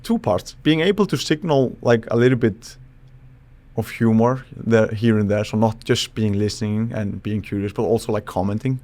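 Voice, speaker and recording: A man from Iceland, a psychologist guest on a podcast, explaining in a thoughtful, halting way with frequent restarts. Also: on the low side, a little mellow. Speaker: psychologist and charisma expert guest. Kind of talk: casual podcast interview.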